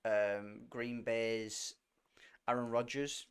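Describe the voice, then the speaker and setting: A man's voice: mid-range voice, steady tone, extremely slow, clear, resonant tone. A man co-hosting a football podcast in laid-back casual chat, often laughing. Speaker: podcast co-host.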